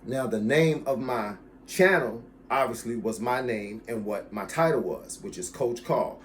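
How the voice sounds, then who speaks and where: A man's voice: medium pitch, unhurried, a little hiss or hum. A man in his fifties, a fitness coach, talking casually to camera and addressing viewers directly. He is emphatic and drives his points home by repeating key phrases. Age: 50s. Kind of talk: casual talk to camera about his channel.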